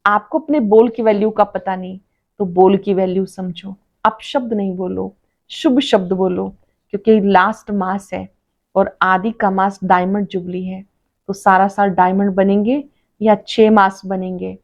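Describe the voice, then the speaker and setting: Slowly reading a devotional sermon, a woman who is a spiritual teacher repeats key phrases for emphasis. Her mid-range voice stays steady, and the sound is lo-fi.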